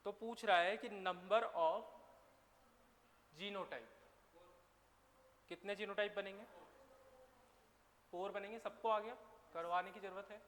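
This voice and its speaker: A man's voice: high voice, fairly even intonation, takes it slowly, pauses often, fairly bright tone. A man teaching a biology class, chatty and teasing his students as he tells a story. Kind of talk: classroom lecture with anecdotes. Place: large echoey classroom. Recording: echoey hall, faint room noise.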